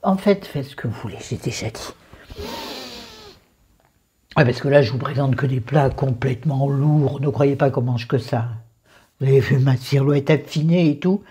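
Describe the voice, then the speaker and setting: A woman's voice: extremely low pitch, normal speed, warm tone, breathy edge. A woman casually walking viewers through a recipe, chatty and digressive, with joking asides to herself. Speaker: cooking vlogger.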